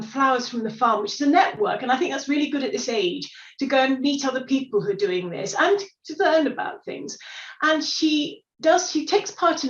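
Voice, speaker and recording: A woman in her sixties, a guest speaking in a chatty, encouraging way with lots of "sort of" and "you know". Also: sits high. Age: 60s. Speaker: guest, unretirement expert. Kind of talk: casual interview chat. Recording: roomy, distant, dull-sounding audio.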